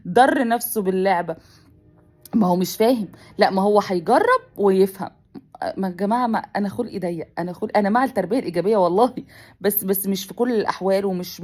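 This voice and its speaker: A woman's voice: mid-range voice, a little mellow. A mother with an Egyptian accent vlogging, tearful and pleading, crying on and off as she talks. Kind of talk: emotional personal vlog.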